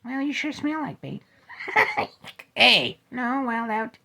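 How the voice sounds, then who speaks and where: A man's voice: big pitch swings, takes it slowly, creaky, bright, forceful tone, heavily acted. A man voicing a small, cocky, crude male teddy bear in an old-time radio style comedy. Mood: teasing. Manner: boastful, lewd, squealing high.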